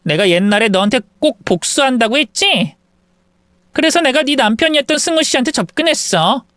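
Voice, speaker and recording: A woman's voice: high-pitched, lively intonation, fairly quick, fairly bright tone, dry recording, studio quality. A woman playing a gloating, vindictive rival. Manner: taunting, smug, cruel. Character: gloating vindictive young woman, husband-stealer. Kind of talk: acted phone quarrel in a story video.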